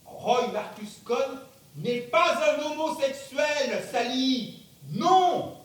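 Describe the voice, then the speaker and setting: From far off in an echoey theatre comes an arrogant, blustering power broker. He declaims slowly and emphatically, in a very high voice full of angry denial. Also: very animated, exaggerated voice. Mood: insistent, proud. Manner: emphatic, declamatory, bursts into shouting. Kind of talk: theatrical stage monologue. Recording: distant mic, very echoey theatre, rumbling noise.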